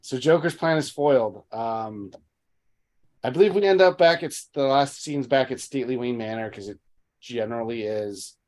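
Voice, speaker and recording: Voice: medium pitch, normal speed, a little mellow. A podcast co-host casually recapping a TV episode, rambling with lots of restarts. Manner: rambling, with frequent restarts and fillers.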